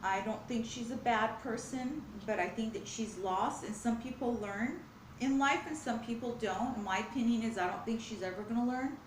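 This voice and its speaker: A woman with a highish voice chats casually at a moderate pace in a mukbang vlog, eating at a glass table at home and sometimes talking with her mouth full. She's earnest and rambling, drifting into spiritual musings. The room echoes slightly, with a little background noise.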